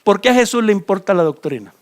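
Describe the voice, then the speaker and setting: A Guatemalan pastor with a Guatemalan Spanish accent preaches a sermon, speaking fast in a high-pitched voice. He's animated, addressing his listeners directly while pointing at a map.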